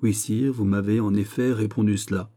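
A man's voice: on the low side, steady tone, normal speed, dark tone, lightly acted. A man reading aloud, voicing an earnest young nobleman with a respectful, solemn manner.

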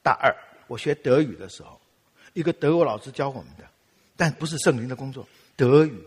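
A man's voice: mid-range voice, a little fast, husky, big-room sound. A man from Taiwan with a Taiwanese Mandarin accent, preaching a sermon and telling stories, acting out quoted voices. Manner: animated, acts out quotes with laughs. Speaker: pastor. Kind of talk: sermon with storytelling.

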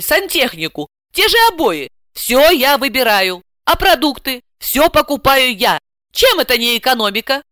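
A woman voicing an excitable, bossy middle-aged housewife who talks in a shrill, indignant, fussy way. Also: dry recording, studio quality, heavily acted.

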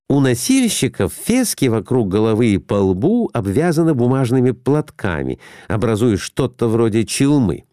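A man narrating classic prose aloud in an expressive, theatrical reading style. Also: fairly low pitch, dry recording, studio quality. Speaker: audiobook reader.

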